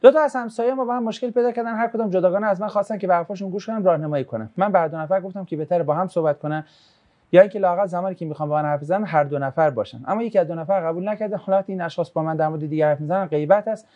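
A religious class teacher in a relaxed, conversational lesson. The teacher reads student questions aloud, answers them with jokes, and retells a religious tradition as a story. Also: medium pitch, muffled recording. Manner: shifts into storytelling when recounting a religious tradition.

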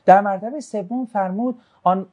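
A religious class teacher in a relaxed, conversational lesson. The teacher reads student questions aloud, answers them with jokes, and retells a religious tradition as a story. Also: medium pitch. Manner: shifts into storytelling when recounting a religious tradition.

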